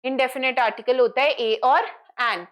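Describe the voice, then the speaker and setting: A woman with an Indian accent teaching an online grammar lesson. She explains slowly and asks her students questions that she answers herself. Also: high-pitched, fairly bright tone. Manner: explains slowly in English, then fast in Hindi, asking and answering her own questions. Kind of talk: online lesson, mixing Hindi and English.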